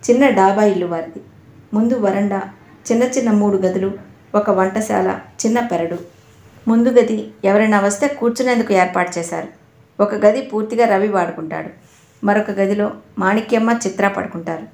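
Woman narrating a novel in an echoey room. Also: medium pitch. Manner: measured, even storytelling reading. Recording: roomy echo.

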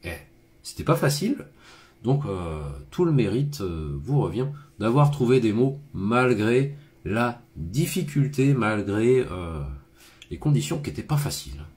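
A man's voice: mid-range voice, sing-song, unhurried, darkish tone. A man hosting a live French lesson, chatting and stopping to explain vocabulary. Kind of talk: casual live lesson and reading.

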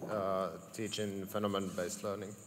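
A man introduces himself as a psychology teacher in a calm, flat, low voice. His words carry a long hall reverb with faint noise behind. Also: normal speed. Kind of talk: brief self-introduction. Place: conference room with audience.

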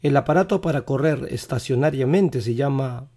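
With a medium-pitched, warm voice, this man teaches a vocabulary quiz lesson. He repeats every English word slowly and carefully, though his voice hasn't fully recovered yet.

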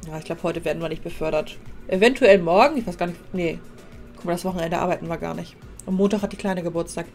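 A woman's voice: fairly low pitch, fast talker, a little mellow, soft background music. A woman casually commenting while she streams a life-sim game, thanking viewers and talking to her characters, a little sniffly with a cold.

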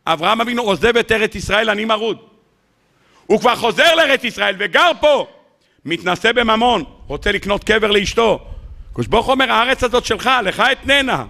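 A rabbi with an Israeli Hebrew accent preaches a sermon in a high, gravelly voice. He is a dramatic storyteller who climbs to loud, impassioned peaks. His tone is bright and sharp. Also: lively intonation. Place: lecture hall.

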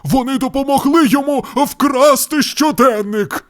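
A woman's voice: sits high, unhurried, pitched above the performer's own voice. A woman voicing a cold, scheming rich male lynx in a storybook reading, with an icy, threatening manner. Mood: accusing.

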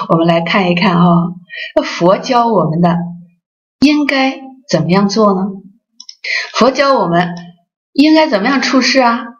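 A woman who heads a Buddhist association, giving a dharma talk with lively storytelling and acted-out voices, in a dull lo-fi recording. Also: medium pitch.

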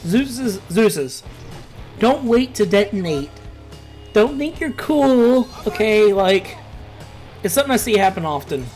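A gameplay commentator with a mid-range, sing-song, darkish voice talks casually over a match at a measured pace, rambling and ranting with plenty of filler words. Soft music plays in the background.

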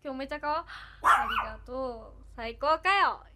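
A woman's voice: high voice, animated, moderate pace, background noise. A young woman, chatting casually on a livestream, giggly and chatty as she reads comments and thanks viewers. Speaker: idol livestreamer.

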